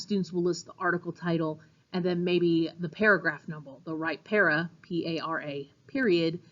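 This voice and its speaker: A woman English teacher giving a recorded lecture over slides, explaining things clearly with an occasional um. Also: on the low side, dull audio. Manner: clear, instructive, with occasional fillers.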